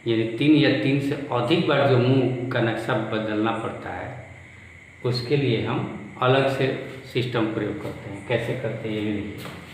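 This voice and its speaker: A male school teacher with a north Indian accent, giving a classroom grammar lesson and slowly repeating each word form in a drill. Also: mid-range voice. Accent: Hindi-speaking north Indian. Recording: very echoey room with long reverb, faint noise.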